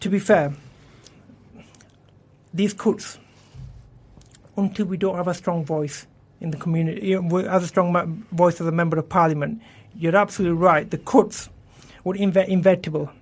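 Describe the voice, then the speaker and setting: A man's voice: sits high, fairly even intonation, normal speed. Earnest man campaigning on air. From England. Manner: earnest campaigning, frequent restarts and repeated words. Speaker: election candidate. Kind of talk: radio interview answers. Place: radio studio.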